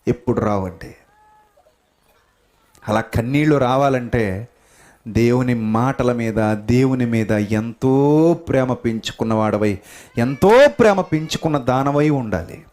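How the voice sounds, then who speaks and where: A man preaching a sermon. He delivers it dramatically, rising to loud high exclamations, dropping to hushed low lines and firing rhetorical questions at the congregation. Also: lively intonation, a little slow, long pauses. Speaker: pastor.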